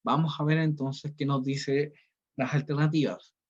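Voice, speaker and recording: A man's voice: fairly high pitch, little pitch movement, measured pace. A male teacher, giving an online reading class and explaining each step, often checking in with the students. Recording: dull lo-fi sound.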